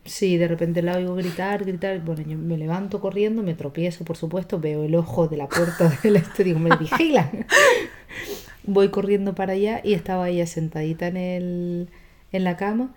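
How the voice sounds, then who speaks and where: A woman's voice: on the low side, brisk, background noise. A woman co-hosting a casual podcast, telling stories and acting out voices. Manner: animated storytelling, acts out voices. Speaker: podcast co-host. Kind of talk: casual chat.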